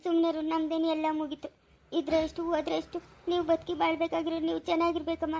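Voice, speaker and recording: A woman with a Chikkaballapura Kannada accent playing a young daughter who softly pleads with her jailed mother. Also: very high voice, completely flat delivery, fast talker, gravelly. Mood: pleading. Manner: soft, pleading, tearful.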